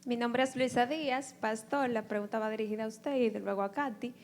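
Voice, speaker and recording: A woman's voice: a little high, fairly even intonation, a little fast, slight background noise. A woman from the audience asking the pastor a direct, formal question.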